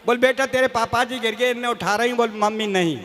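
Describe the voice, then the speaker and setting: High-voiced folksy comic poet in echoey hall. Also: male voice, quick pace, a bit bright. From Rajasthan, India. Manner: folksy, self-mocking, addresses audience as sahab. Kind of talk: stage comedy poetry recital. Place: live poetry stage before audience.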